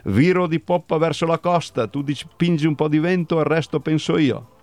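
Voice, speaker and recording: A man's voice: on the high side, moderate pace, no room sound, natural voice. A man voicing an agitated, seasick man who bellows curses at a painter in a radio storybook reading. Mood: furious. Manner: shouting, furious.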